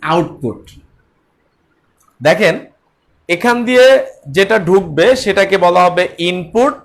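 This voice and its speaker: Speaking in a high voice with a Bangladeshi Bengali accent, a man teaches an online class, addressing his students directly and going over key points more than once.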